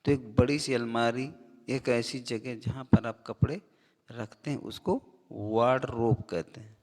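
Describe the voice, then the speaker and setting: A man teaching English vocabulary, reading definitions slowly word by word and then explaining them in Hindi. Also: medium pitch, steady tone, darkish tone, big-room sound. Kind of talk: vocabulary lesson.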